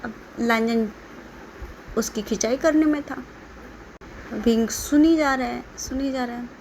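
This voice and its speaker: Lady casually retelling a drama, chatty, keeps cracking up, slightly high voice. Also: a little slow, a little mellow, a little hiss or hum. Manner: chatty, quotes characters, breaks into laughter. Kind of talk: casual spoken plot retelling.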